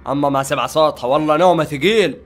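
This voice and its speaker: A man giving excitable, panicky let's-play commentary as a gaming channel host, talking back to the game's characters. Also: on the high side, racing, faint music behind.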